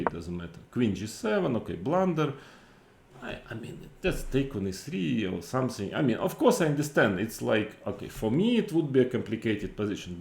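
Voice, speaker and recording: A man comments on chess off the cuff, sounding exasperated, incredulous and critical, with halting, repetitive phrasing and rhetorical questions. His lowish voice is a little mellow with vocal fry. The sound is reverberant with slight background noise.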